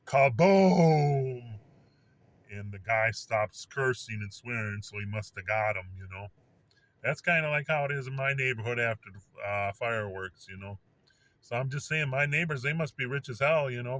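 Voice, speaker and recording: A man talks to his camera at home in a loose, rambling way. He restarts his sentences often and fills the gaps with "you know" and "um." His voice sits at an ordinary middle pitch. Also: pushed and bright. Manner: rambling, many restarts and fillers, mimics explosion sounds. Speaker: vlogger. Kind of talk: casual rambling monologue.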